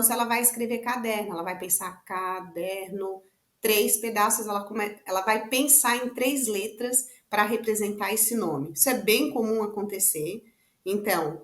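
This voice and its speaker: A woman's voice: medium pitch, a bit bright, echoey room. A woman with a Brazilian Portuguese accent explains children's writing stages to parents in a conversational way, often adding tag questions. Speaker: literacy teacher. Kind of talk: explaining to parents with on-screen examples.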